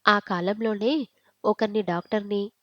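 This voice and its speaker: A woman reads a family story aloud at a mid pitch, voicing each family member's lines as she narrates. Her voice is close and dry, with no room around it. The sound is a little muffled and dull. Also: fairly even intonation, a little slow, no echo.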